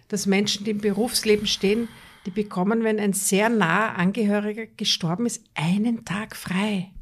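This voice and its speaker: A woman's voice: medium pitch, vocal fry. Earnest German-speaking woman coach. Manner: earnest, emphatic, repeats words for stress. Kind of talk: conversational interview.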